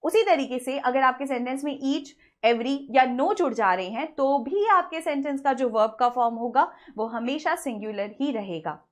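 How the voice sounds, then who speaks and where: During an online English grammar lecture, a woman explains things in Hindi mixed with English. She answers the questions she raises and slows her pace for example sentences. Her voice sits high.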